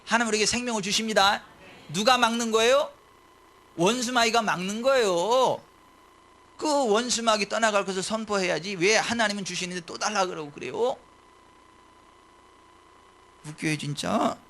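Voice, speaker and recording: A male pastor delivering an impassioned sermon in a high, bright, forceful voice. He fires rhetorical questions at the congregation and swings from quiet, muttered asides to ringing shouted declarations.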